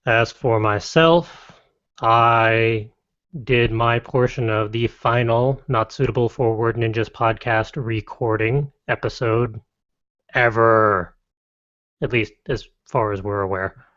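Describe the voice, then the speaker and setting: A man hosting a casual podcast, reading lists briskly and adding wry, playful asides. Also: mid-range voice, steady tone, a bit bright. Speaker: podcast host. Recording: dull lo-fi dry podcast audio.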